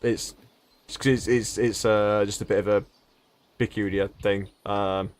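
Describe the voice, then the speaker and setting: A man's voice: lowish voice, steady tone, a little slow. A man narrating a tabletop game as game master, stammering through restarts and chuckling at the table.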